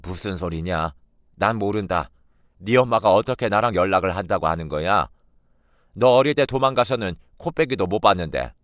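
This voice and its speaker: A man voicing a gruff, defensive elderly grandmother who scolds sharply, in a radio drama. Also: low voice, lively intonation, moderate pace, a bit bright, no room sound, studio quality. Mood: defensive scolding.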